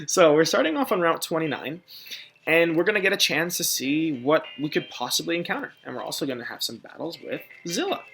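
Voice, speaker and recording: A woman's voice: lowish voice, fairly bright tone. A young woman hosting a let's play, chatting playfully through a video game. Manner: chatty, playful, self-mocking. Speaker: gaming channel host.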